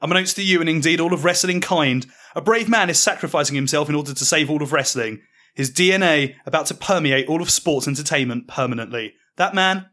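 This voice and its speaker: A man telling a mocking comic story in the second person, with deadpan delivery. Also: a little high. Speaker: podcast storyteller.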